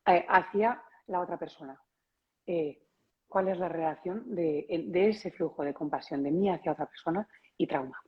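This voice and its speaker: A woman's voice: fairly low pitch, normal speed, husky, lo-fi sound. A woman interviewing a guest over a video call, rephrasing her questions with many tag questions. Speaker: interviewer and yoga teacher.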